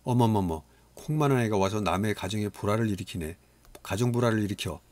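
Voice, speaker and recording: A man's voice: on the low side, a little fast, a little mellow, close to an everyday voice. A man voicing an angry mother who sharply scolds a boy, in a storybook reading. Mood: shrieking.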